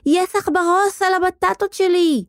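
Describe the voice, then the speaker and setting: A woman's voice: medium pitch, warm tone, dry recording, studio quality, lightly acted. A woman voicing a bossy little girl who shrieks indignantly in a children's story. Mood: shrieking. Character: bossy shrill little girl at a market stall.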